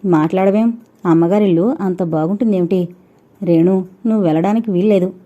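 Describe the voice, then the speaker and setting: A woman's voice: medium pitch, fairly quick, warm tone, close to an everyday voice. Woman reading as a sulky possessive young husband. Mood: coaxing. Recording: dull lo-fi recording.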